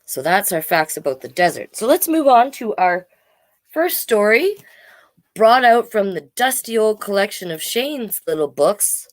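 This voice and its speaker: A middle-aged woman, a drag king host who reads children's books, chats casually on a livestream and reads a story, sprinkling in playful, self-deprecating asides. Her mid-range voice is very animated and a little slow, with no room sound.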